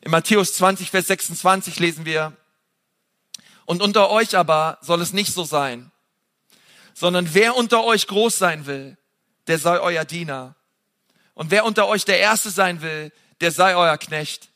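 A man preaching a sermon in an animated way, pushing his voice up for emphasis, with fillers between points. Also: sits high, a little slow.

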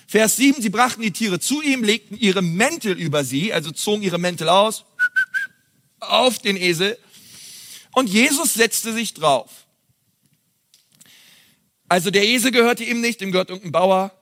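A male pastor preaches in a bright, forceful tone. He moves between reading scripture and speaking casually and directly to the people in front of him. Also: high-pitched, normal speed, pauses often. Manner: lively, conversational preaching that addresses the congregation directly; reads scripture aloud and then comments on it. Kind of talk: sermon.

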